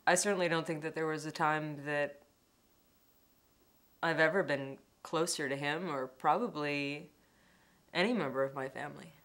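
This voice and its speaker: A woman's voice: deep voice, moderate pace, pauses often, a bit bright. A woman speaking candidly and reflectively in a documentary interview. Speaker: interviewee telling her story. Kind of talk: personal documentary testimony.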